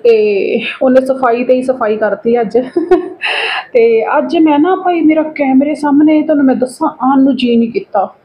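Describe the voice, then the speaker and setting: Woman, Punjabi accent, casual vlog chat, high-pitched, lo-fi phone sound. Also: moderate pace. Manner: chatty, often adds tag questions. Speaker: vlogger. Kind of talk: casual daily-routine vlog talk. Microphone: phone camera.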